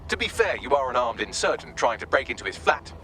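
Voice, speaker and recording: In a video game mission briefing, a man voices a witty, sardonic AI assistant addressing resistance operatives with dry teasing. He is articulate and sarcastic, speaking fast with a sharp tone, medium pitch, and big pitch swings.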